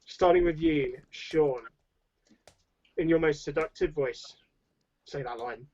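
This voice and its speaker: A man's voice: fairly high pitch, wildly swooping pitch, slow pace, creaky, a little mellow, muffled recording. A man, a youth pastor, hosting a playful game show over a video call, teasing the others and handing out points. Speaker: youth pastor, stream host. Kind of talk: casual group chat, game hosting.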